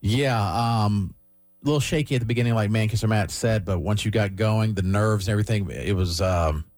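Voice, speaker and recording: A man's voice: lowish voice, brisk, darkish tone, no echo, clean studio sound. A man hosting a radio show, chatting casually and giving friendly feedback with fillers. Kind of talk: casual studio chat.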